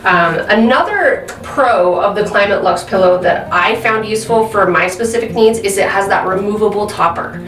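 A woman in her thirties giving a casual product review, chatty and filling pauses with "um". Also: medium pitch, a bit bright, soft background music. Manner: chatty, frequent "um" fillers. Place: indoor room at a desk. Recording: roomy and slightly distant.

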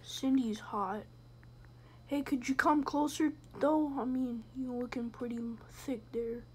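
A woman's voice: high-pitched, fairly even intonation, slow, breathy edge. A woman playing a horror game and commenting in a jokey, rambling way, sometimes dropping to a whisper. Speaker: gamer. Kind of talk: let's play commentary.

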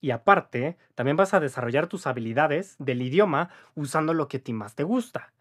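This young Mexican man in his twenties has a fairly high, fairly bright voice, expressive and moderately paced, as he teaches English casually to camera. He's chatty and positive, often tagging sentences with "¿va?" and "¿vale?" to check in. Behind him is a patterned wall indoors.

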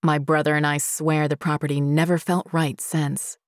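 A woman reading scary stories aloud as a narrator, in a slow, steady storytelling delivery. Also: low-pitched, dry recording, studio quality.

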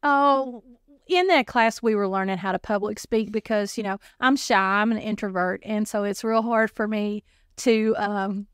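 A woman's voice: medium pitch, steady tone, normal speed, smooth, no room sound, studio quality. A woman who directs a community help center, telling stories in a playful, self-mocking way. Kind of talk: casual chat.

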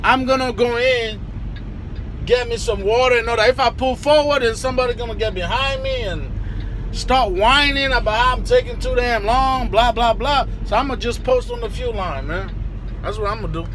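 This casual vlog features a young man in his parked truck cab, talking loosely and with slang to his viewers through a phone camera held at arm's length. His voice is very high and fairly bright, at normal speed, and the recording carries a little hiss or hum.

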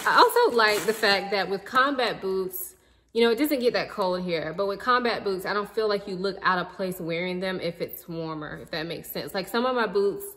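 A woman in her thirties relaxes in front of the camera at home, casually telling "y'all" about items she picked up. She speaks at a normal speed with a medium pitch, and the audio has a large-hall quality and slight background noise.

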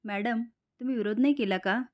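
A woman's voice: fairly high pitch, brisk, close to an everyday voice. Polite loyal assistant, asks questions, read by a woman. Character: loyal male assistant, respectful.

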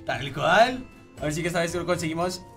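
High-voiced excitable Spanish gamer man. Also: a little fast. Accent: Spain Spanish. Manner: excitable, chatty, thanks donors. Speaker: streamer playing online game. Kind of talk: live gaming stream chat. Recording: game music playing behind voice. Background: game music.

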